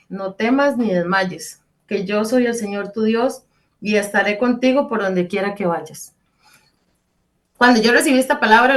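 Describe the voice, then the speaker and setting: A woman giving a personal faith testimony on the radio, earnest and fervent, telling her story with quoted dialogue and speaking straight to her listeners. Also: a little high. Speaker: church group member giving testimony.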